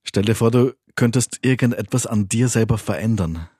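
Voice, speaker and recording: A man's voice: lowish voice, moderate pace, mellow, breathy edge, no room sound. A man hosting a radio podcast interview in a studio, chatty and teasing. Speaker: podcast host.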